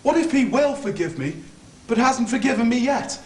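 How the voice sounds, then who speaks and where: A man's voice: very high-pitched, animated, normal speed, a little mellow. A young man playing a fawning, anxious convict in a stage play, stammering and rambling, heard from far off on an echoey stage. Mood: pleading. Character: fawning anxious male Irish convict hangman. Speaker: student actor.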